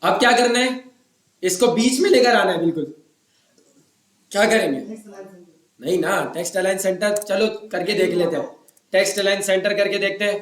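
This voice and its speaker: Hoarse guy from pakistan teaching a class, high voice, keeps asking if they get it, roomy echo. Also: normal speed, pauses often, far from the mic. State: sore throat. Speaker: web development instructor. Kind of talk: classroom lecture.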